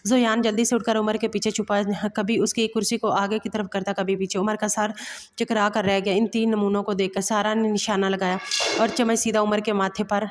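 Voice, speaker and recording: A woman reading a romantic novel aloud as a storyteller, in a steady voice that stumbles and restarts now and then. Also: medium pitch, a little fast. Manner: even, steady reading with occasional slips and restarts. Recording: long hall reverb.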